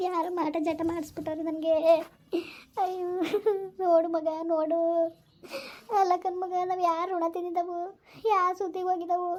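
A fretful middle-aged village mother, played by a woman, pours out her woes fast and high. Her wailing lament stays pitched up and flat. It comes through dull, lo-fi sound. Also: lightly acted. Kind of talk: village comedy skit.

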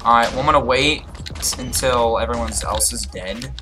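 A gamer giving casual, excitable gameplay commentary to a friend, often exclaiming and yelping. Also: medium pitch, moderate pace, over music. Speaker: gaming video player. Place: indoors at a computer.

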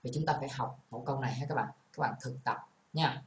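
A man's voice: mid-range voice, fast. A male English teacher with a Vietnamese accent, explaining a lesson patiently and mixing English examples into his talk. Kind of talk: classroom lesson. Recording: echoey room, faint background noise.

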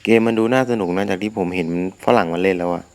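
A man's voice: sits low, fast. Man with a sore throat. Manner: crude, excitable, talks to himself while playing. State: sore throat, can't shout. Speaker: gaming channel host. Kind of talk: casual game commentary.

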